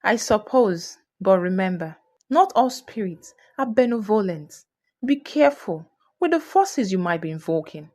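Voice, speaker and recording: A woman's voice: mid-range voice, lively intonation, a little slow, a little mellow, voice pushed down. A woman voicing a stern, cautious male preacher in a storybook tale, speaking earnestly and warning.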